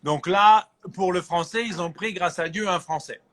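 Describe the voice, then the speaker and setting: A man from France, an actor, chatting as an interview guest and giving lively advice. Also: high-pitched, normal speed. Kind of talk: casual interview chat.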